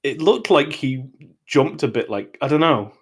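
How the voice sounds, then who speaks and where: A man co-hosting a podcast, recapping wrestling matches in a relaxed, casual chat. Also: fairly high pitch, unhurried, breathy edge. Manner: relaxed, lays out match events play by play. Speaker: podcast co-host.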